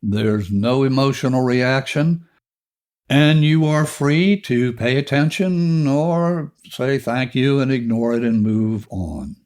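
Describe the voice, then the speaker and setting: Man, podcast host, calm self-help talk, unhurried delivery, medium pitch. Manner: slow, gentle and reassuring.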